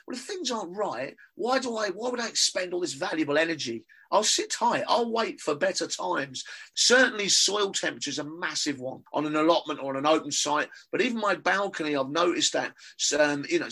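Bright, laughing Cockney man. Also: a little high. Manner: animated, laughs easily. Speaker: gardening expert co-host. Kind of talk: casual chat.

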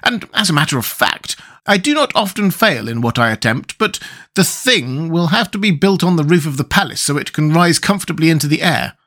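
The Tin Woodman, bright and steady, read by a man. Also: on the high side, fairly quick, voice pushed up. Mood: cheerful. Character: cheerful capable tin man.

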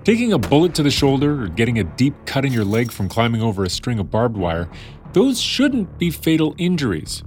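A man's voice: mid-range voice, huge pitch swings, brisk, a little mellow, soft background music. A man narrating a scripted story in a conversational way, with wry asides to the listener. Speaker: podcast narrator.

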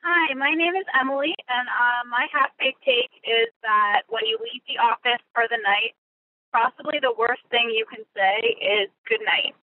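A woman caller comes through over a tinny, phone-like line, her voice sitting a little higher than most. She leaves a friendly, easygoing voicemail, recorded through the phone rather than a studio mic. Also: normal speed, dry recording. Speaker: listener caller.

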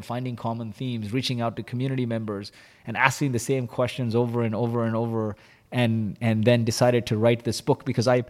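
Male interview guest, founder, candid animated storyteller, mid pitch, long reverberant hall. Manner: animated, confessional, heavy use of "like" and "you know".

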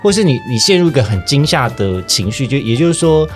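A man with a Taiwanese Mandarin accent hosts a casual podcast chat. His pitch rises and falls animatedly as he teases his guest. Faint background music is heard. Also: very animated, quick pace. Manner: joking, teasing interjections. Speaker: podcast host.

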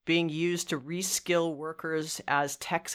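A woman's voice: sits low, level tone, takes it slowly, clean tone. Upbeat woman in her fifties hosting. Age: 50s. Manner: upbeat, leans on "you know" and restarts. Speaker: podcast host. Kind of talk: conversational podcast interview.

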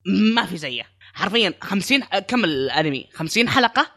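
Young guy, bright voice, talks a mile a minute, mocks stuff he hates. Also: high voice, quick pace. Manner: excitable, mocking impressions. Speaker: podcast co-host. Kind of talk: casual podcast chat.

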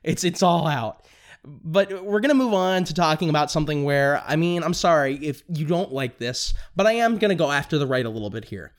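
A young man hosting a political commentary podcast, talking fast and excitably, tripping over his words and restarting sentences. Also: fairly high pitch. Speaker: podcast host.

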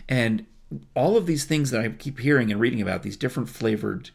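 Gravelly-voiced man telling a rambling story. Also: mid-range voice, brisk. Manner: rambling storyteller, laughs often. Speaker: podcast co-host. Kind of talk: casual chat.

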